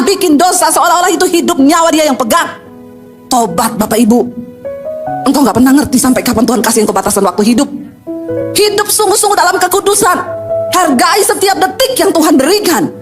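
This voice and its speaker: A middle-aged woman pastor, preaching a lively sermon with sudden swings between low earnest tones and high emphatic ones and chatty colloquial asides.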